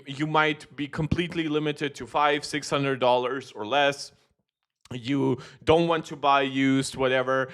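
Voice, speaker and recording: A man's voice: fairly high pitch, a bit bright. A young man from Moldova, a native Russian speaker, commenting live on tech news in a rambling, self-correcting way with many fillers. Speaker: tech YouTuber.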